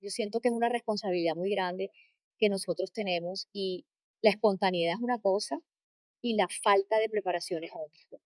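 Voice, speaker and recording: A woman with a coastal Colombian accent answering in an interview, emphatic and expressive, building her points in repeated phrases. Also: mid-range voice, a little fast, no room sound. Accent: coastal Colombian (costeño). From Caribbean coast of Colombia. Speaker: interview guest, corporate trainer and coach. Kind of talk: conversational interview answers with anecdotes.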